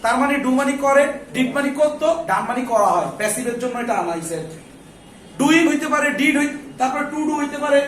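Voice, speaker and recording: A man's voice: extremely high pitch, lively intonation, quick pace, a bit bright, slight background noise. A man teaching an English grammar class, firing questions at the students and answering them himself, and scolding anyone who chats. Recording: echoey classroom from far off.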